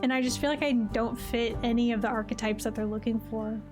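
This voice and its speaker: A woman's voice: fairly high pitch, steady tone, brisk, music in the background. A young woman streaming a game, chatting in a casual, self-deprecating way and laughing often. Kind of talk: casual chat while playing a game.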